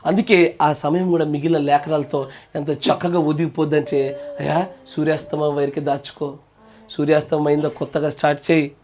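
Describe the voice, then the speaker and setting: A male pastor, preaching a sermon. He swings between hushed and loud, shouts at the peaks, chuckles and teases the congregation, and slips English phrases into his preaching. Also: fairly high pitch, level tone, moderate pace, a little hiss or hum.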